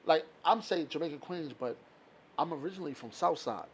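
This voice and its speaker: A man hosting a casual podcast interview, laid-back and quick to affirm with no doubt and dope. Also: fairly high pitch, lively intonation. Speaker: podcast host. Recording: faint background noise.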